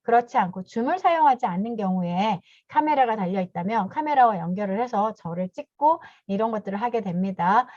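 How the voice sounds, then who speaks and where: A woman in her fifties leads a step-by-step online training for teachers via video call, speaking expressively and fairly quickly with few pauses. Her medium-pitched voice is a little mellow, and she keeps adding a brief, polite "yes". The video call mic captures dull, dry audio without echo.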